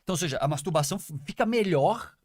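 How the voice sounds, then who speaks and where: A man talking quickly, his fairly high voice sounding close and dry on the recording. He is a guest on a casual podcast, speaking earnestly and repeating words to stress a point. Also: lively intonation, darkish tone, no echo. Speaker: podcast guest, business partner.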